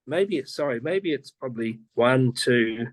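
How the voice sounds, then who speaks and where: In a casual online interview over a video call, a teacher with an expressive mid-range voice patiently explains classroom ideas. He speaks slowly, often restarting and repeating his sentences.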